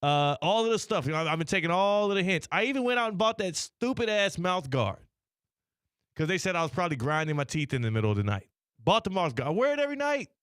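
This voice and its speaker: A man's voice: fairly high pitch, lively intonation, fast talker, a bit bright, clear, resonant tone, no echo, studio quality. An American man hosting casual radio chat, his speech a little slurred, with a mouth half numb from the dentist. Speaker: sports radio show host. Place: radio studio.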